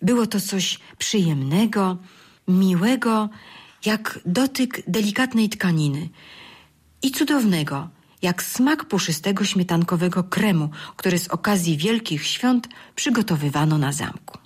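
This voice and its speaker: A woman reading a children's story aloud in a calm, measured way. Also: on the low side, slightly rough. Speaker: narrator. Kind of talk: scripted storybook narration.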